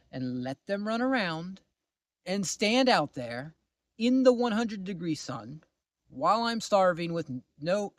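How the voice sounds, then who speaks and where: A man casually telling a long personal story to the camera, exasperated at times and dropping to low mutters. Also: dry recording, clean studio sound. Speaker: vlogger.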